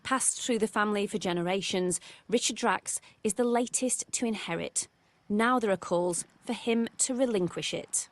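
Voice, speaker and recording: A woman TV news reporter delivering a scripted report in a measured, formal way. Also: medium pitch.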